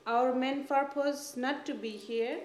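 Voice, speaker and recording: A woman guest addressing a church in short, simple, halting phrases, leaving room for an interpreter. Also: sits high, fairly even intonation.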